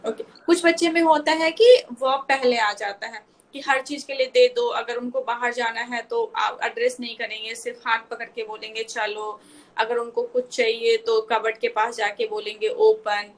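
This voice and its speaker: A woman's voice: on the high side, steady tone, moderate pace, rough recording. A woman speech therapist in a live online session, patiently explaining step by step to parents and mixing in English terms.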